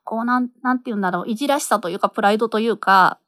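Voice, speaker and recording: A woman's voice: fairly high pitch, rapid-fire, fairly bright tone, dry recording, clean studio sound. A woman hosting a talk segment after a radio drama, chatty and enthusiastic. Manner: chatty, lots of fillers, enthusiastic. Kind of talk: casual chat.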